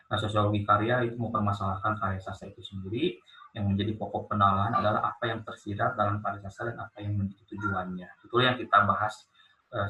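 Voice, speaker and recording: A man's voice: lowish voice, pushed and bright, slight background noise, rough recording. A man lecturing to university students, explaining patiently with many fillers and tag questions. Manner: hesitant, many fillers and "gitu kan ya" tags.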